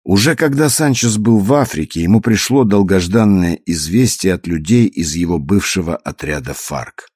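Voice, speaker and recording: A man narrating an audiobook in a calm, measured storytelling manner. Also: low voice, breathy edge, no echo, studio quality. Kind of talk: scripted narration.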